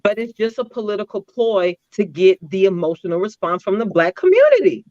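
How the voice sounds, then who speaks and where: A woman co-hosting a casual political discussion show, laying out her arguments in a deliberate, opinionated way. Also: medium pitch, big pitch swings, a little mellow, lo-fi sound, a little hiss or hum. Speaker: podcast co-host.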